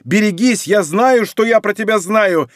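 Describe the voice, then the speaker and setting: A man putting on a shrill, spiteful old peasant woman. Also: expressive, normal speed, no echo, studio quality. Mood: shrill anger. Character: poor old peasant woman, sly and vengeful.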